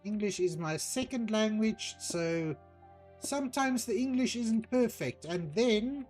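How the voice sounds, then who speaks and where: A South African streamer with an Afrikaans accent chats casually while playing a game. He has a high, darkish voice and talks slowly, unhurried and hesitant, with frequent ums as he reads out the chat.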